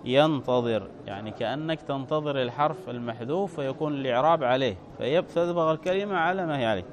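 A man teaching grammar in a fairly high voice. He talks steadily and explains each point, then checks with his listeners through rhetorical questions. The recording was made outdoors. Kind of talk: classroom lesson explaining a text.

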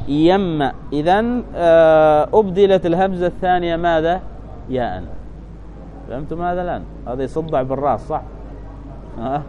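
High-voiced male teacher quizzing his class. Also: mellow, a little hiss or hum, rough recording. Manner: asks the class questions and answers them himself; repeats key points, thinks aloud. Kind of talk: classroom grammar lesson, reading and explaining a text.

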